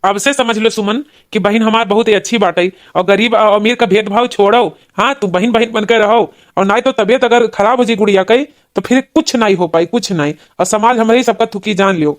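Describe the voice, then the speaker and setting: A woman's voice: medium pitch, fairly quick, few pauses, natural voice. A woman playing a caring elder brother. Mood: earnest. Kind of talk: cartoon voice acting.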